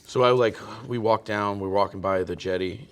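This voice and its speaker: A man co-hosting a podcast, an animated storyteller in casual chat who laughs often. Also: fairly low pitch, moderate pace. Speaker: podcast co-host.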